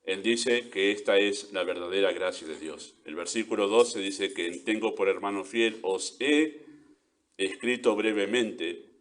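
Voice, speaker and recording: Low-voiced Argentine man preaching. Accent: Argentine Spanish. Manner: earnest preaching, stresses key words, rhetorical "¿sí?" and "¿no?". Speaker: pastor. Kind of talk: sermon.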